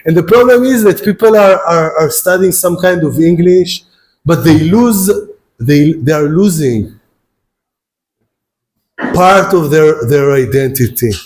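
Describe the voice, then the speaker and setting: A man with an Israeli accent, a native Hebrew speaker, gives a university philosophy lecture as a guest lecturer in a lecture hall. He speaks straight to his audience at a measured pace, pausing often and repeating or restarting words, in a fairly high, darkish voice.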